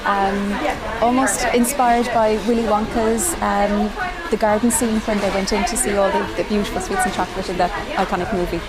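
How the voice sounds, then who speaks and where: Woman designer talking over a loud crowd. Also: medium pitch, fairly even intonation, normal speed, hardly any pauses, low-quality recording. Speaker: fashion designer. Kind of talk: interview explanation.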